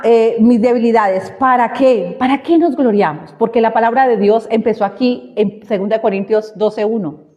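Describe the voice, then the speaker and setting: A woman preaches with fervour, often turning to the congregation with questions. Her voice sits somewhat high. The recording is dull and lo-fi, with a long reverb from the hall. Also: darkish tone. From Colombia. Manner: fervent, asks the congregation questions. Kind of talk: sermon. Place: church hall.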